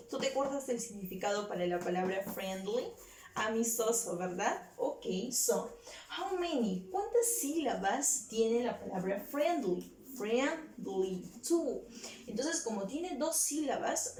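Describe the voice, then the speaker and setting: Slow, echoey bilingual woman teacher. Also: fairly high pitch, darkish tone, recorded from a distance. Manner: slow and deliberate, repeating words and switching between English and Spanish. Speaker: English teacher. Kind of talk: bilingual classroom lesson for children.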